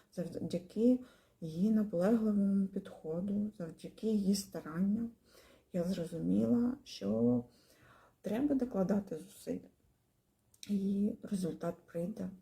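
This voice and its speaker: Hesitant woman with a dark, gravelly voice. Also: medium pitch. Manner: hesitant, many fillers and pauses. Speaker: language course student. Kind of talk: spoken testimonial.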